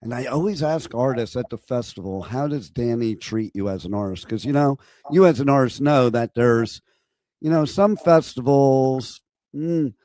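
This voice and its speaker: Hoarse male radio host. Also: mid-range voice, normal speed, dark tone, no room sound, clean studio sound. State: hoarse, lost voice. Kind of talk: radio interview, casual chat.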